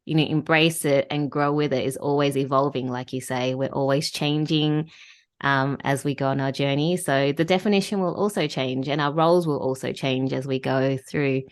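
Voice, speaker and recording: A woman's voice: extremely low pitch, fairly even intonation, normal speed. A woman hosting an interview, affirming and reflective. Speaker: podcast host.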